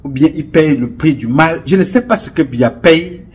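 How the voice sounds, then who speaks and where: Very husky Cameroonian French man. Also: on the high side, lively intonation, moderate pace. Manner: impassioned and preachy, repeats words and rambles. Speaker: online commentator. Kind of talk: casual monologue commentary.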